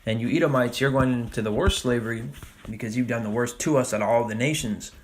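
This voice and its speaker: A religious teacher leads a Bible study in a casual manner, often saying "all right?", and reads scripture passages slowly and deliberately. His voice is medium-pitched, with slight background noise.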